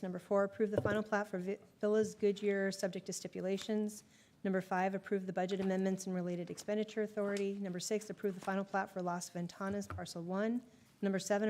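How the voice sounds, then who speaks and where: Fast, flat-voiced woman city clerk reading. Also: medium pitch. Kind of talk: reading agenda items aloud.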